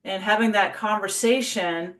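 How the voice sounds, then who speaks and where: A woman's voice: mid-range voice, steady tone, moderate pace, a bit bright. A woman hosting an interview, affirming and encouraging her guest as she asks questions. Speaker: host.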